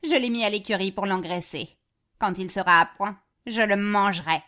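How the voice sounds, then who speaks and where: A woman's voice: medium pitch, moderate pace, bright, forceful tone, close to an everyday voice. A woman doing a harsh, greedy old witch. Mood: menacing. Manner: harsh and commanding. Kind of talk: storybook reading.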